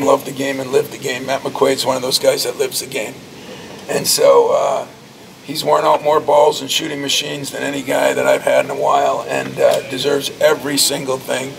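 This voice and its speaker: A man's voice: mid-range voice, little pitch movement, moderate pace, gravelly, distant mic. A man in his sixties, a college basketball coach, answering reporters in a crowded post-game press scrum outside a locker room, with an emphatic, anecdotal way of talking. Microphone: cluster of reporters' handheld mics at close range. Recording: noisy hallway, mic a step away.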